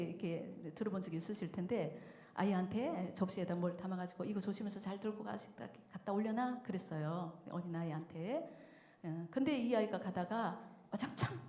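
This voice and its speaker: Female minister, storytelling sermon style, mid-pitched voice, booming reverberant hall sound. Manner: lively storytelling, acting out quoted voices with frequent chuckles. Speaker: church minister preaching. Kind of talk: sermon at a mothers' prayer meeting. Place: church sanctuary. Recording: echoey church hall with long reverb.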